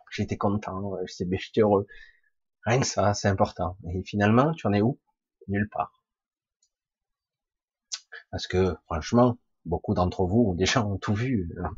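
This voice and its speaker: Hoarse, raspy low-voiced man. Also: dry recording, muffled recording. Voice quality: husky, raspy, chesty voice. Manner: rambling, blunt, casually sweary, emphatic. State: hoarse, recovering voice with a cough. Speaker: spiritual vlogger speaking to followers. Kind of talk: informal spoken monologue.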